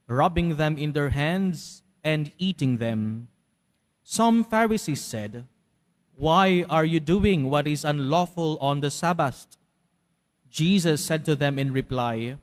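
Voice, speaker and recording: A man reading scripture as a priest at Mass, solemn and measured, with a cathedral echo. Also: fairly high pitch. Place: large church.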